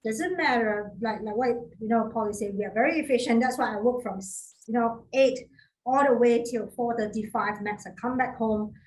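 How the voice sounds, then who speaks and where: Brisk, higher-pitched woman moderating a panel. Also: darkish tone, a little hiss or hum, low-quality recording. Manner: brisk, directs speakers by name. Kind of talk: online panel discussion.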